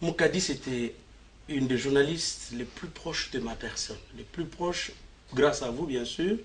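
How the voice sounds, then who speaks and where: A man's voice: mid-range voice, measured pace, a little hiss or hum. A young man, speaking earnestly and emphatically as a journalist on a panel. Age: young adult. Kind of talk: casual panel discussion.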